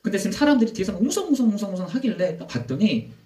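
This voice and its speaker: A man's voice: high-pitched, big pitch swings, racing, darkish tone, roomy sound, distant mic. A male pastor preaching a sermon. He throws rhetorical questions to the congregation and answers them himself, telling stories with heavy emphasis.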